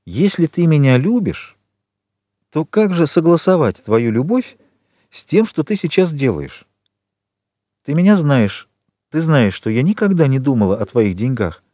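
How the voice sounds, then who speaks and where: A man's voice: fairly high pitch, animated, a little fast, dark tone, no room sound, studio quality, pitched above the performer's own voice, lightly acted. A man reading an audiobook, voicing a young woman who earnestly implores her grandfather. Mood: imploring.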